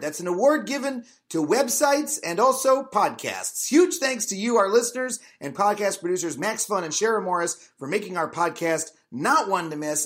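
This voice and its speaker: A man hosting a podcast, talking with playful, excitable enthusiasm into a studio mic. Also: high voice, no echo. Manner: animated, rapid, playful enthusiasm. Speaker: podcast host. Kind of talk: excitable podcast intro and interview.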